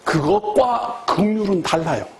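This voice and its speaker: A man's voice: high-pitched, wildly swooping pitch, a little slow, gravelly, slight background noise. A man preaching a sermon as pastor, emphatic and conversational, repeating key words for stress and putting questions to the congregation.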